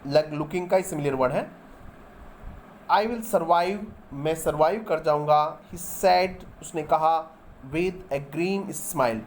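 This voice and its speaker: A man's voice: on the high side, darkish tone, slight background noise. A man teaching English vocabulary, explaining each example in Hindi and spelling words out letter by letter. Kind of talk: vocabulary lesson.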